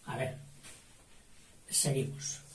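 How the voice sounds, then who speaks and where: Teacher guy dictating slow, syllable by syllable, far from mic, noisy. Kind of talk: spelling dictation lesson. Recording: roomy, distant mic, noisy background.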